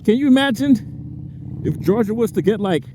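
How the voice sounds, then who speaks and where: A man's voice: high-pitched, animated, normal speed. A man chatting casually to viewers while riding his motorcycle, laughing often and stretching out his stresses. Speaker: motorcycle vlogger. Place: on a motorcycle in traffic outdoors. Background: faint traffic and wind noise.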